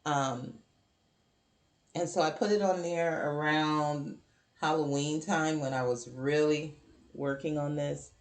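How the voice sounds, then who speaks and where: A woman with a low voice talks slowly and casually, rambling with ums and restarts and apologizing often. She sounds like she is at home in a roomy, echoey space. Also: fairly even intonation. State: hiccups. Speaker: knitting podcast host. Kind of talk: casual show-and-tell chat.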